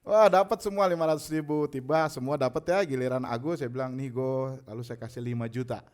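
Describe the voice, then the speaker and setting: A male pastor preaching a conversational sermon, retelling a parable with lively character voices. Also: medium pitch, quick pace. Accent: Indonesian.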